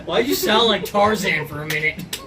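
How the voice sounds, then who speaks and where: A woman's voice: animated, normal speed. A woman casually reading jokes as host of a laughing challenge, blunt and sweary. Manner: profane, blunt. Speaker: joke reader hosting a laughing challenge. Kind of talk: casual joke telling. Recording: noisy, distant microphone, rumbling background.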